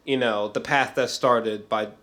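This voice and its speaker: A man reviews films in a loose, unscripted ramble full of repeated words and throat clearing, sounding slangy, profane and emphatic. His medium-pitched, fairly bright voice keeps a fairly even intonation at a measured pace.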